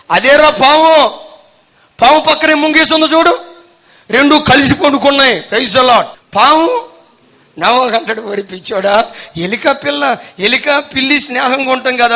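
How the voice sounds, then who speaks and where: A man's voice: very high-pitched, moderate pace. A male pastor preaching a sermon with a Telugu accent, telling dramatic stories and acting out the voices. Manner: dramatic storytelling, acting out voices, rising to shouts.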